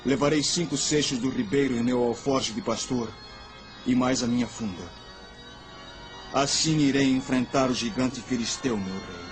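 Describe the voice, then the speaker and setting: An actor playing a brave, devout young shepherd in a radio play, earnest and declamatory. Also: male voice, medium pitch, normal speed, music in the background, natural voice. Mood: humble, confident. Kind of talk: dramatized radio play acting.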